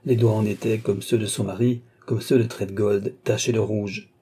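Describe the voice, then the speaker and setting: A man reading a detective novel aloud in a steady, even storytelling manner. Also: fairly low pitch, normal speed, slightly rough. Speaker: audiobook narrator.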